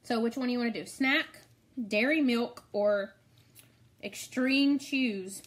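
A woman's voice: on the high side, takes it slowly. A middle-aged woman hosting a casual snack-tasting video, chatting and laughing often. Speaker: vlog host.

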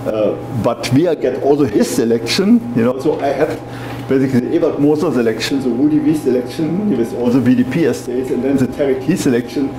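A man's voice: mid-range voice, fairly quick, hardly any pauses. A man in his seventies from Germany with a strong German accent, reminiscing in a rambling, conversational interview and often saying "you know". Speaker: interviewee, wine merchant. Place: indoors, small wine bar. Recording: echoey room with faint background noise.

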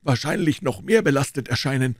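Man playing a calm old doctor, clinical, persuasive, husky, lively pitch, dry sound. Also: a little fast, dry recording, natural voice. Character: old male doctor, cool, calm, unshakable.

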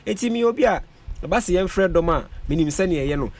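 A young Ghanaian parliamentary aspirant, interviewed in a radio studio, has a high, a little mellow voice that's animated and fairly quick. He switches between Twi and English as he reels off vote figures into a studio mic on a boom.

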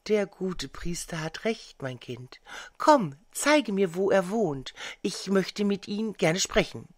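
Woman reading as a kind lonely lady, gentle, low voice, lively intonation. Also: measured pace, dry recording.

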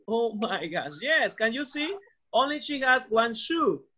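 A man's voice: very high-pitched, big pitch swings, slow pace, bright, forceful tone. A man whose first language is Spanish, teaching English to children over a video call, encouraging and repeating each phrase and then translating it. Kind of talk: online class, mixing English and Spanish. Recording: dull lo-fi video call audio.

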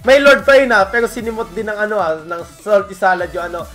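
A Filipino man casting a mobile esports final, mixing Tagalog and English and bursting into shouts at big plays. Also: high voice, fast, music in the background. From Philippines. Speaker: esports caster. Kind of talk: excited play-by-play commentary.

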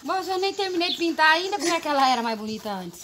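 A woman's voice: high-pitched, lively intonation, fast. A middle-aged Brazilian woman with a Brazilian Portuguese accent, a vlogger's mother chatting casually at home and exclaiming to the viewers. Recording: home recording with clear background noise.

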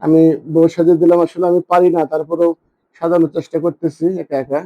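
Pet vlogger, man, high yet mellow voice, coaxing and repetitive. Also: little pitch movement, fast, lo-fi sound. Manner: coaxing, repetitive talk to his cat, asking viewers to look. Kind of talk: casual pet vlog to camera.

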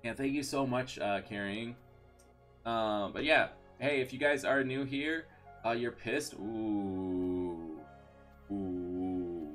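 Brief: low-pitched guy streamer, casual and grateful, lots of uh and restarts, faint music under him. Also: steady tone, slow pace, a bit bright. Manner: rambling and thankful, with many fillers and restarts. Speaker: live game streamer. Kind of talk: casual live-stream chat.

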